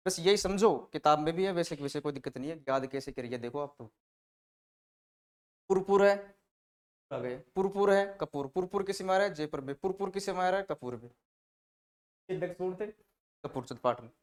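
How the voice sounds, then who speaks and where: A male teacher leads an exam-prep lesson, talking fast in a slightly high voice with lively intonation. He repeats names and quizzes the class using memory tricks, drilling mnemonics through repeated questions and answers while his loudness shifts.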